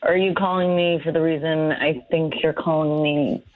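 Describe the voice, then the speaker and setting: A woman's voice: low-pitched, steady tone, moderate pace. Woman, speakerphone call, narrow phone sound, rambling, lots of fillers, hesitant. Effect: heard over speakerphone on a phone line. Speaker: radio show call guest. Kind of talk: casual phone chat. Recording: tinny phone line.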